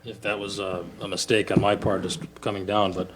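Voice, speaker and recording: Male mayor, quick and even-toned, polite formal remarks in a faintly noisy chamber, distant pickup. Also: low voice. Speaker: city mayor. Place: city council chamber.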